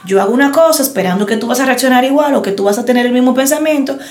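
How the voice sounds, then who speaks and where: Brief: middle-aged woman, quick, animated, slightly high voice, echoey room. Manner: animated storyteller acting out quoted dialogue. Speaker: podcast co-host. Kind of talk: casual chat. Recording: roomy echo.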